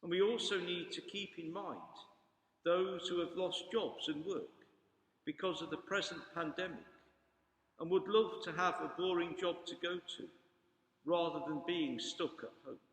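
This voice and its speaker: A man with a fairly high-pitched voice delivers a solemn pulpit sermon. His phrasing is formal and measured, as a priest reads scripture or preaches a homily. The sound is very echoey, ringing with the long reverb of a large hall. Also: a bit bright.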